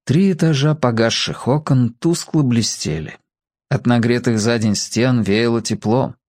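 A man's voice: mid-range voice, a little slow, a little mellow, dry recording, clean studio sound. A man reading a children's story aloud, expressively giving each character a voice of their own.

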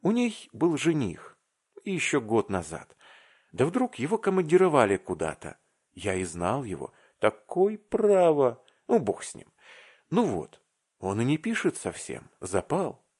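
A man voicing a timid, tender-hearted young man in love in an audiobook, speaking earnestly and haltingly. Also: mid-range voice, huge pitch swings, husky, pitched above the performer's own voice, heavily acted. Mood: earnest confiding. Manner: earnest, faltering, warm confessional. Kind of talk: audiobook reading.

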